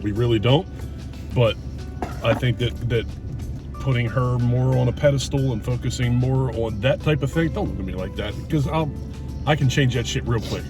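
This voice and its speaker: A middle-aged man talks casually and candidly, as a vlogger would over a meal. His voice sits at an average pitch and his manner is blunt and reflective. He is recorded a little away from the mic in a car, with music behind him. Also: fairly even intonation, moderate pace, far from the mic. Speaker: YouTube vlogger. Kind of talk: casual, candid chat to camera and companion while eating.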